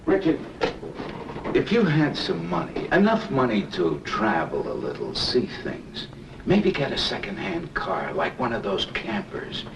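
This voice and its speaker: A middle-aged actor playing a firm, lecturing husband who turns fretful when pressed, in hissy 1970s TV film audio. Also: male voice, mid-range voice, wildly swooping pitch, measured pace, creaky, heavily acted. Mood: stern. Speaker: homeowner and husband.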